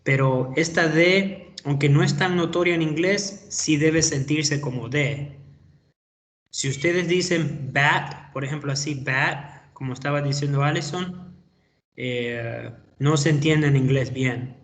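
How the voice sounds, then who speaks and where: A middle-aged man with an Ecuadorian Spanish accent, giving feedback to students in an online class, slow and explanatory with many hesitations. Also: fairly high pitch. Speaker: English teacher.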